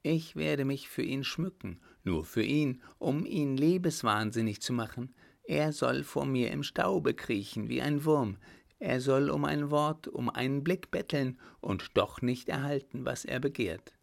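A man reading an audiobook, voicing a calm, coldly vengeful young woman. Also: medium pitch, gravelly, pitched above the performer's own voice. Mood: cold resolve. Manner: calm, hard, measured. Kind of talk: audiobook character voice.

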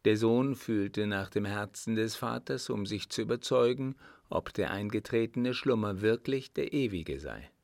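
Slow, solemn male audiobook narrator. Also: lowish voice, gravelly, a little mellow, dry recording, studio quality. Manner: measured, solemn reading. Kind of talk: scripted narration.

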